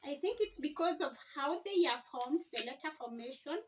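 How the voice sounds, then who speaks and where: At home, a mother teaching her children to read speaks in simple phrases for an informal instructional vlog. Her high voice is expressive and moderately paced, picked up by a distant mic with faint background noise.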